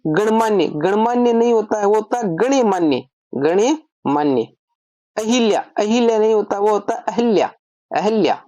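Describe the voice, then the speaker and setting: A woman's voice: mid-range voice, a little fast, dark tone, dry recording. A woman teaching an online grammar lesson, explaining step by step and asking and answering her own questions.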